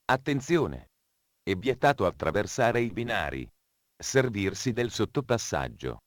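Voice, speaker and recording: Deep, formal station announcer man. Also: big pitch swings, measured pace, no room sound, studio quality. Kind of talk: scripted train station announcements.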